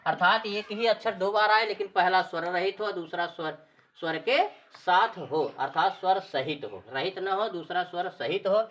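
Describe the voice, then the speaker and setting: Low-voiced woman teaching grammar. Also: normal speed, fairly bright tone. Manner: repeats key terms and answers her own questions. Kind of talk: classroom-style grammar lesson.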